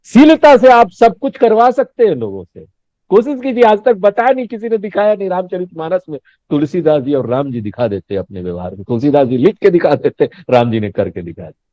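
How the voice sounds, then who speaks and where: Brisk and sing-song, this man's warm voice sits on the high side as he gives a Hindi spiritual discourse as a swami. He chats, laughs frequently and asks the audience questions; the recording is dull, lo-fi and dry.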